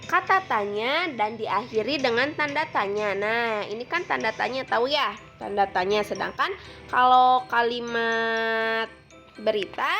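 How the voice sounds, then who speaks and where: A woman's voice: on the high side, fairly bright tone. A woman teacher giving a patient lesson to second graders, explaining step by step with frequent fillers.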